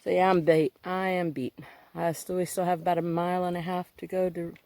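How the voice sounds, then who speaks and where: A woman's voice: fairly low pitch, flat delivery, fairly quick, a little mellow. Winded woman chatting on a trail. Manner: chatty, rambling with fillers. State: out of breath. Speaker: hiking vlogger. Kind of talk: casual vlog chat. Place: outdoors on a hiking trail.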